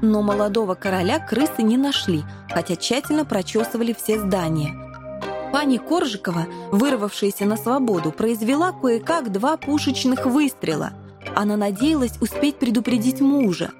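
A woman reading a children's storybook aloud in an expressive way. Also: fairly high pitch, moderate pace. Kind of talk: storybook narration. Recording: narration over clear music.

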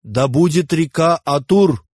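A man with a husky voice playing a solemn male creator god who proclaims decrees in a sonorous voice in an audiobook. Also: on the high side, lively intonation, brisk, dark tone, no room sound, studio quality, pitched above the performer's own voice. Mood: commanding.

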